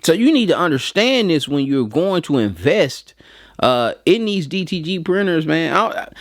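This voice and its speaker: This print equipment reviewer, an American video host, speaks in a mid-range voice with clean, dry studio sound. He's casual and off-the-cuff, bluntly colloquial, and leans on repetition to stress his points.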